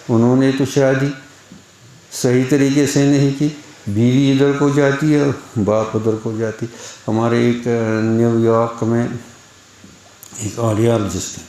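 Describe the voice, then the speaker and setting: A man's voice: mid-range voice, dark tone, a little hiss or hum. Man preaching in an echoey hall. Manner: conversational, asks the audience rhetorical questions; mimics others' speech in quoted asides. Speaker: Islamic preacher. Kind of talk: Urdu religious lecture.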